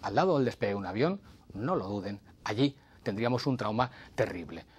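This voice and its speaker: A man's voice: fairly low pitch, lively intonation, brisk, husky. A man presenting a hearing-health segment on television, explaining to camera and demonstrating with whispers and a raised voice.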